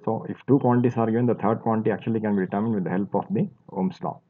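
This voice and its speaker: A man's voice: lowish voice, fairly even intonation, racing. A man teaching a physics lesson, explaining step by step as he draws, with fillers and restarts. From India. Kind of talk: classroom lecture while drawing. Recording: tinny phone-like audio.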